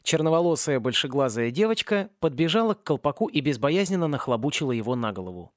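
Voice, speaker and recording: A man narrates a satirical fantasy audiobook with lively, wry timing. His voice sits slightly high. The close mic gives a dry sound with no room echo. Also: fast talker. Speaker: audiobook reader.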